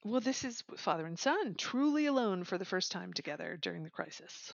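A guest audiobook reviewer with a lowish, creaky voice sums up a book in casual chat, very animated and brisk. She's enthusiastic and chatty, laughing now and then as she talks. The recording is dry, without echo, and has a slightly dull lo-fi quality.

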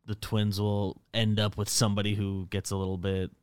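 A man's voice: on the low side, monotone, moderate pace, a little mellow, clear, resonant tone, dry recording. A man talking casually as a sports show panelist. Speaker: sports podcast guest or co-host.

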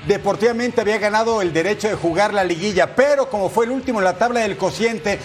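A man hosting a sports show, presenting news and highlights in a lively broadcast style. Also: fast.

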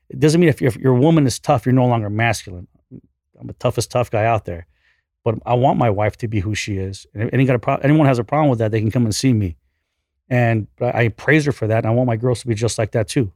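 A man's voice: mid-range voice, quick pace, a little mellow, no echo, studio quality. A man interview guest who speaks brashly and with great enthusiasm. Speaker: podcast guest, entrepreneur. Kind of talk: candid interview conversation.

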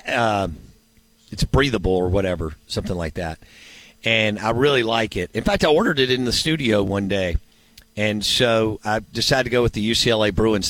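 A man's voice: fairly low pitch, fairly bright tone, no room sound. A man hosting a sports show, chatting casually and rambling as he thinks aloud and asks himself questions. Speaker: sports radio show host.

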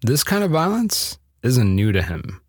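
A man's voice: mid-range voice, very animated, unhurried, breathy edge, no echo, studio quality. A man narrating a scripted true-story podcast with a dramatic storytelling delivery.

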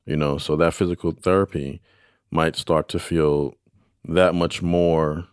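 A man with a very low voice gives conversational advice like a coach. He is encouraging and emphatic, repeating phrases and leaving pauses. The sound is close and dry. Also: level tone, clear, resonant tone, no room sound. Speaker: expert guest answering listener questions.

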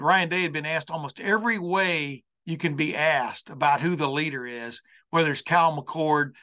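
A man's voice: a little high, bright, forceful tone. A man hosting a college football show with an unscripted monologue, folksy and rambling, often circling back over his phrases. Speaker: sports talk show host.

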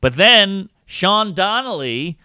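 A man telling casual comedic stories like stand-up comedy, animated and sweary, acting out the dialogue as he goes. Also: high voice, slow, clear, resonant tone, dry recording. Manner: animated, profane, acts out quoted dialogue. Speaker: comedian guest.

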